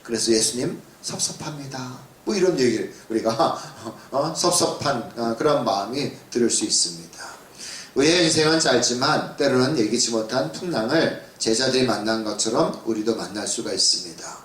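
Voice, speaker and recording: A man's voice: medium pitch, lively intonation, normal speed, fairly bright tone, slight background noise. A man preaching as a church pastor, talking casually with the congregation, asking rhetorical questions and acting out what people say. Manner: conversational preaching with rhetorical questions and acted-out quotes. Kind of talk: sermon. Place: church sanctuary. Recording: roomy sound from a distance.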